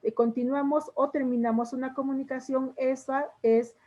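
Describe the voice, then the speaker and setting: A woman teacher with a Mexican Spanish accent explains her lesson to students over a video call, speaking straight to them. Her voice is high and mellow. The audio is muffled, as online class audio often is. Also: flat delivery, normal speed. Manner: explanatory, addresses students directly.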